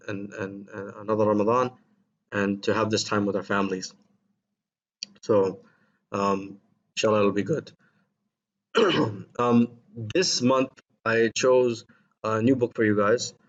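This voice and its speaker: With a lowish voice and the highs cut off, a man teaches vocabulary to his students in a recorded lesson. He's kind and encouraging, frequently pausing, saying um and repeating words.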